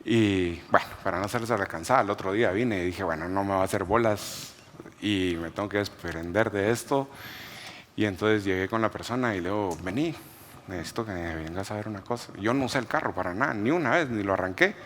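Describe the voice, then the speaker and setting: Lively low-voiced pastor telling a story. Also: male voice, brisk, slight background noise. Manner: storytelling, animated, laughs while telling. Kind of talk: sermon testimony.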